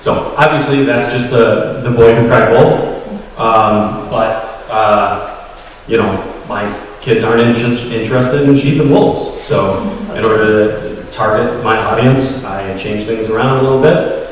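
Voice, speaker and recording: A man's voice: mid-range voice, measured pace, distant mic, a little hiss or hum. Nervous man telling a story in an echoey hall. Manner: hesitant, many fillers, admits nerves. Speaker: guest speaker at a secular congregation. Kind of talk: storytelling talk.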